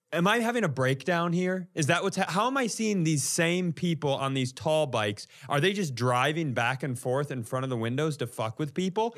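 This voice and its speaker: A man co-hosting a podcast tells casual comic stories in a blunt, exasperated, sweary way. His voice sits on the high side and has a fairly bright tone.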